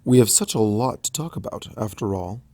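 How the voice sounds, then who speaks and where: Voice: medium pitch, animated, a little fast, warm tone, no room sound, natural voice. A reader voicing a gracious, regal pony princess in a storybook reading, formal and stately. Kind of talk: audiobook fanfic reading.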